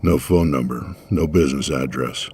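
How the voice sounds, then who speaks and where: A man voicing a tall, impassive police officer in an audiobook, speaking flatly. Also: very deep voice, moderate pace, slight background noise, voice pushed down. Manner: flat, impassive. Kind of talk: audiobook character voice.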